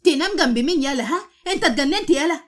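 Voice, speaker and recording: A fiery young wife from an Egyptian cartoon story scolds in loud, rapid bursts, voiced by a woman. Her voice rides high and quick, sharp-tongued and jealous. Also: lively intonation. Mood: furious. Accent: Egyptian Arabic.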